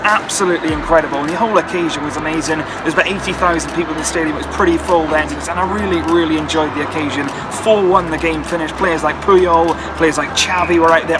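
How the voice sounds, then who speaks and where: Fast-talking young man vlogging outdoors. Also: fairly high pitch, heavy background noise. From Wales. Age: 20s. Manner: eager, earnest, heaps on superlatives. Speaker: football channel host. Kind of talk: enthusiastic vlog talk to camera. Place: outdoors at a football stadium. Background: background music.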